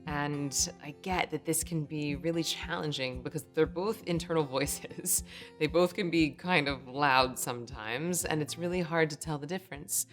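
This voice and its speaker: A woman's voice: sits low, normal speed, faint music behind. A woman in her thirties teaching meditation straight to camera, upbeat and conversational, often checking in with "right?". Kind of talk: direct-to-camera teaching talk.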